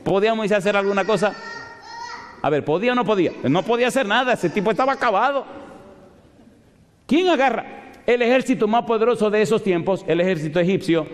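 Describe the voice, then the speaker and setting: A male pastor giving a lively sermon, constantly asking the congregation questions. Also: high-pitched, fast talker, pauses often. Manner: animated, asks the congregation frequent rhetorical questions. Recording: long hall reverb.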